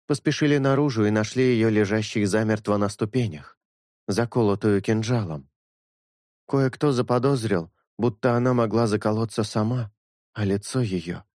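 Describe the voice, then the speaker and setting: A man reading an audiobook, voicing an earnest young priest who speaks in a measured, sincere way. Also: lowish voice, darkish tone, no room sound, clean studio sound, natural voice. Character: earnest young male priest, calm and honest.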